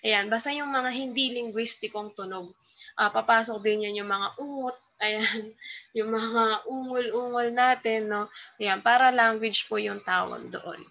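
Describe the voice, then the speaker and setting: A woman's voice: fairly high pitch, fairly even intonation, unhurried, creaky. A woman teacher explaining a lesson in a recorded online lecture, patient and chatty, with many fillers and tag questions. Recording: slightly dull lo-fi sound.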